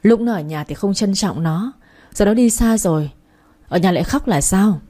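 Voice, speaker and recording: A woman reading a weary middle-aged mother from a storybook, sighing and scolding, her tone mellow and low-key. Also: expressive, normal speed, lightly acted. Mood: chiding.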